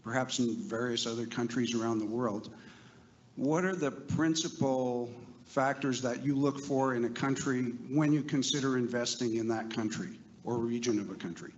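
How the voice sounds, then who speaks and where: A man's voice: mid-range voice, moderate pace, reverberant. Joking man asking from the audience. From Canada. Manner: folksy, joking, hesitant with fillers. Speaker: shareholder asking a question. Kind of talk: audience question at a meeting. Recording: dull, faintly noisy room mic.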